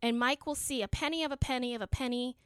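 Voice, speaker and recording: A woman's voice: high voice, fast talker, clear, resonant tone, no echo, clean studio sound. A woman hosting a podcast, chatting casually with her guest in an enthusiastic, talkative way. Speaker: podcast host. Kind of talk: casual interview chat.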